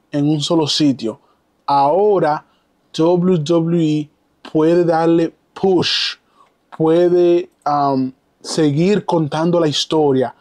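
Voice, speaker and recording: A man streaming live from home, commenting excitedly and reading out chat messages, slipping English exclamations into his talk. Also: a little high. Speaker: live streamer reacting to wrestling. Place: home, downstairs at night.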